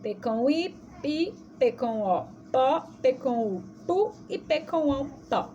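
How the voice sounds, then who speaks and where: A woman preschool teacher with a Brazilian Portuguese accent, giving a recorded video lesson for young children and sounding out syllables slowly and patiently in a sing-song way. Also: high-pitched, expressive, mellow, highs cut off, slight background noise.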